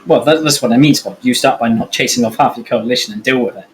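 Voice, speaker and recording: A man speaking bluntly and quickly in a casual panel discussion. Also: medium pitch, a little hiss or hum, low-quality recording.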